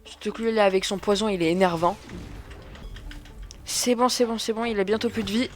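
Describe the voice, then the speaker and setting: Excitable male gaming commentator. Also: high-pitched, moderate pace, soft background music. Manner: excitable, chatty, repeats words. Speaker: gaming video creator. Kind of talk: let's play commentary.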